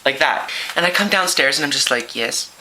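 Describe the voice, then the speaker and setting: A young man vlogging a comic childhood story, animated and dramatic with self-mocking flair. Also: on the high side, a little fast, slight background noise, rough recording. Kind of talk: comedic storytelling.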